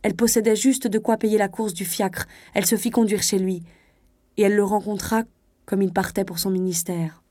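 A woman narrating a classic story in a measured, literary way. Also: medium pitch, steady tone, warm tone, dry recording, studio quality.

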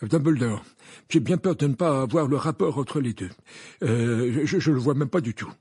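A man's voice: mid-range voice, moderate pace, mellow, breathy edge, voice pushed up, close to an everyday voice. A man voicing a flustered, pompous middle-aged male minister who stammers and repeats himself. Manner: stammering, hesitant, repeats words.

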